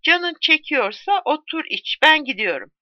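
A weary young man turns his friend down in plain, firm words, as a woman voices him. His voice sits a little higher than the narration. The recording is dry and slightly dull. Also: animated, measured pace, no room sound.

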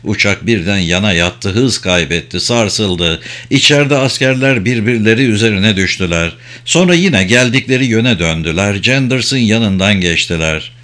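A man reading an audiobook aloud, narrating in a measured, dramatic way. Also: on the low side, lively intonation, a bit bright.

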